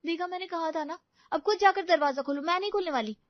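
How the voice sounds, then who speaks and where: A woman voicing a quarrelsome middle-aged housewife who scolds sharply and loudly. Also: very high-pitched, fast, dry recording, highs cut off, pitched above the performer's own voice. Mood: shrill scolding.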